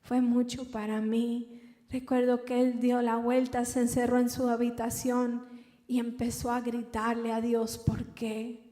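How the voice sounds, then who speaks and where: A young woman giving an emotional personal testimony in church, halting and repeating words as she recounts. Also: a little high, completely flat delivery, warm tone. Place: large church hall. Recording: reverberant church hall.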